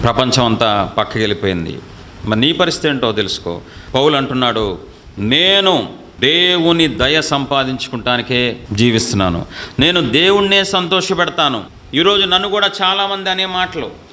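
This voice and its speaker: A man's voice: fairly high pitch, sharp tone. Fiery scolding Telugu-speaking male pastor. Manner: scolding, rhetorical questions, acts out quoted voices. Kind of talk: fiery sermon.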